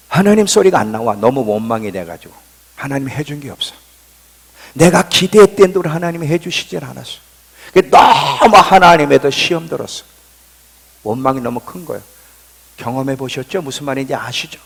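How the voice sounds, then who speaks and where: A man pastor preaching a sermon in a church, impassioned and dramatic, swinging from loud cries to hushed near-whispers. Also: medium pitch, vocal fry, husky. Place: church sanctuary. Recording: long reverb of a church hall.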